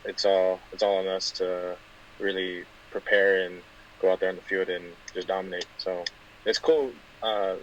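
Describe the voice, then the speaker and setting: A young man from California, a guest football player, talking softly in a casual interview with lots of fillers. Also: deep voice, fairly even intonation, normal speed, lo-fi sound, a little hiss or hum. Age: 20s. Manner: soft-spoken, many fillers and restarts.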